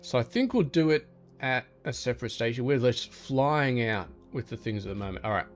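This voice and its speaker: Relaxed male gaming host, mid pitch, casual think-aloud commentary over quiet music. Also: brisk. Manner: easygoing, thinking aloud, talks to game objects.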